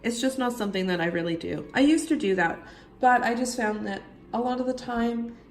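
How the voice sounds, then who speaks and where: Husky, creaky whiskey-voiced woman. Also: on the high side, fairly quick. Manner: informal, conversational, talks directly to viewer. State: getting over a cold. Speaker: tarot reader giving a tutorial. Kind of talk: casual instructional chat. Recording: roomy echo, faint background noise.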